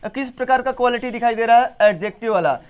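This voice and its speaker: High-voiced man teaching grammar. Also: clear, resonant tone, lo-fi sound. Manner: questioning students, repeating sentences slowly. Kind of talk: classroom lesson.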